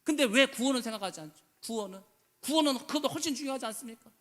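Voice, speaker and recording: Fast, bright-voiced man preaching in a reverberant hall. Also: extremely high pitch. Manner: emphatic, rhetorical questions, casual speech endings. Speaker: pastor. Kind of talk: sermon. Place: church sanctuary.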